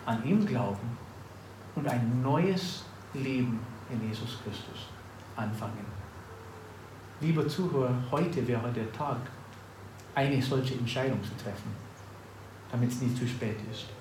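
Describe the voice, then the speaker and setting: Preacher in an echoey room. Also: male voice, a little mellow. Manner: reads scripture with rising emphasis, then drops low and earnest. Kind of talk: sermon. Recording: echoey room with faint ambient noise.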